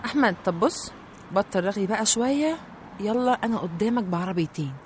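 A woman's voice: mid-range voice, animated, brisk, darkish tone, a little hiss or hum. A woman with an Egyptian accent, teasing and sassy in comedic sketch banter.

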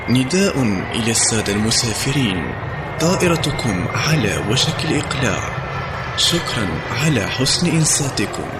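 An actor playing an airport announcer, formal and measured. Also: male voice, medium pitch, heavy background noise, natural voice.

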